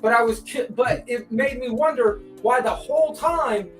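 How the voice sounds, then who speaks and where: A man's voice: very high-pitched, moderate pace, a bit bright. A man chatting on a casual livestream, laid-back and rambling as he tells stories. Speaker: co-host. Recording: distant echoey mic with faint music.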